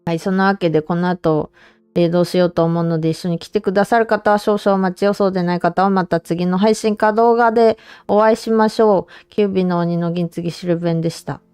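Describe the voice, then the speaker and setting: A woman's voice: lowish voice, steady tone, fast talker, a little mellow, smooth, no echo, studio quality, soft background music. A woman streamer chatting casually and informally to viewers on a livestream.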